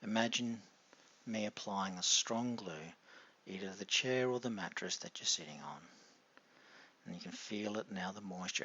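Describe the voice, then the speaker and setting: A man acting as a hypnotist, guiding a listener through a session with slow, repetitive suggestions and sometimes dropping to a whisper. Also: low voice, gravelly, sharp tone, breathy edge, highs cut off.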